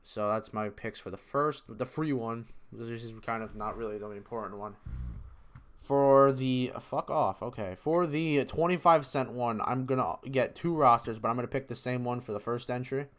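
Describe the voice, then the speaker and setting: Male vlogger, mid-pitched, resonant clean voice, excitable, profane, rambling delivery. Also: moderate pace. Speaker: esports video creator. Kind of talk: casual predictions vlog.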